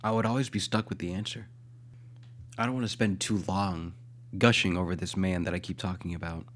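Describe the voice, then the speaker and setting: A man hosting a vlog, acting out a comic skit and then talking quietly and reflectively. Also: low voice, a little fast. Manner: animated comic skit delivery, shouting out names. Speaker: YouTuber. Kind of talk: comedic vlog monologue.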